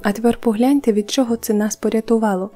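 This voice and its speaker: A woman voicing a calm wandering male creature who speaks reassuringly. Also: on the high side, quick pace, soft background music, lightly acted.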